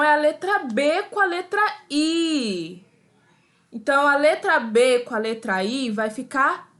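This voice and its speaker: A woman's voice: high voice, fairly bright tone. A woman teaching an adult literacy lesson over slides, patiently sounding out and repeating syllables for her learners.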